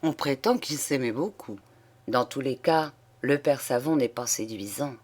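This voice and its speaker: A stout, knowing matron, read by a woman, trading gossip in a low, confiding voice. Deep and subdued, lower still than the narration. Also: measured pace, darkish tone.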